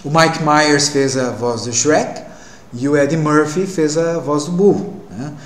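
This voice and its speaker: A man's voice: a little high, slow, echoey room. A male English teacher giving a classroom lecture, explaining step by step and often checking in with tag questions.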